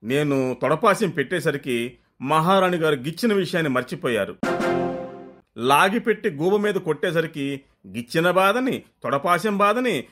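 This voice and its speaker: A man's voice: on the high side, lively intonation, normal speed, fairly bright tone, soft background music. A man voicing a sly, self-important court jester who explains things in a show-off, lecturing way.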